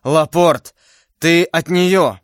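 A man's voice: on the high side, drawn-out words, dry recording, studio quality, voice pushed up. A man voicing an imperious, outraged duke. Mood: wounded. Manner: indignant, shouting outbursts. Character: haughty English duke, proud and imperious. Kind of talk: audiobook character voice.

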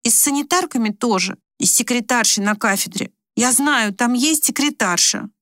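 A woman's voice: on the high side, moderate pace, fairly bright tone, no echo, studio quality, voice pushed up, close to an everyday voice. A woman reading an audiobook, voicing a timid, hesitant young wife who falters as she speaks. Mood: hurt, accusing. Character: timid, anxious young wife, shy and ashamed.

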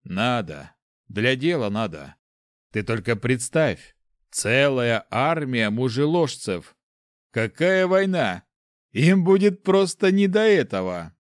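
A man's voice: fairly low pitch, measured pace, no room sound, clean studio sound, lightly acted. A man voicing a wry, persuasive male cleric in a storybook reading. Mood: coaxing.

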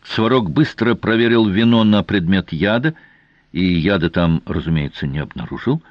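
A man reading a fantasy audiobook as narrator, with even, steady storytelling, in a dry, slightly dull recording. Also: sits low, moderate pace, no echo.

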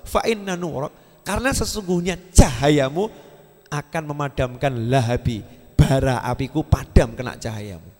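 A man voicing frightened hell itself, begging loudly. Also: normal speed, natural voice. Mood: frightened pleading. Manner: high, loud, urgent pleading. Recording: echoey hall reverb.

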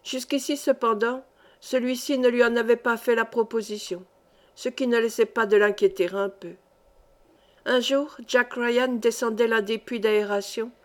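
A woman reading a classic adventure novel aloud as an audiobook, with measured, clear phrasing. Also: on the high side. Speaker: audiobook reader. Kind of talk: scripted narration of a novel.

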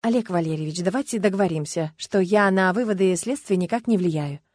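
A woman reading an audiobook, voicing a calm, careful young woman who asks measured questions. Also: on the low side, no echo, lightly acted.

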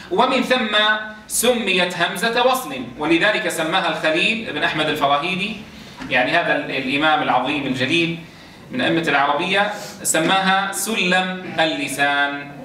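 A man teaching a class on Quran recitation rules. He explains step by step, slowly drawing out sounds to demonstrate and often checking with his students. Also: high-pitched, pushed and bright. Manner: keeps checking understanding with quick questions to students. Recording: echoey room, voice from a distance, faint noise.

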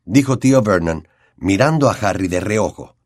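A male audiobook narrator with a Latin American Spanish accent reads a scripted story expressively, his pitch moving lively through it. He speaks at a normal speed, and the recording is close and dry, free of echo or room sound.

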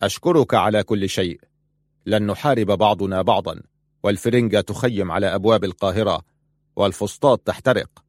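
A man's voice: fairly low pitch, brisk, no room sound, studio quality, lightly acted. A man voicing a defiant young man who speaks firmly to protect his family. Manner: firm and resolute.

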